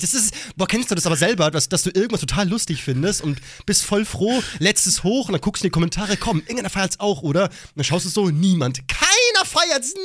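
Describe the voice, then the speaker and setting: A man co-hosting a casual podcast, telling stories in an animated way and acting out the people in them. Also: sits high, dry recording. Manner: animated storytelling, acts out voices, frequent laughter. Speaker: podcast co-host, comedy YouTuber.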